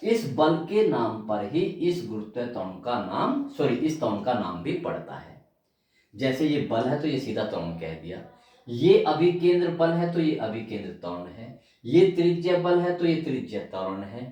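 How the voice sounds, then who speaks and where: A man teaching physics in a lively classroom lecture. His pitch rises and falls widely as he keeps calling out to his students and repeats terms while writing them up. The voice sits far from the mic in a room with a heavy echo. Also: normal speed.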